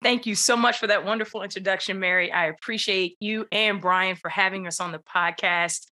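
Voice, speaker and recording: A woman's voice: medium pitch, steady tone, brisk, bright, forceful tone. A woman from the New Orleans area, a podcast guest giving a friendly, grateful self-introduction. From greater New Orleans area.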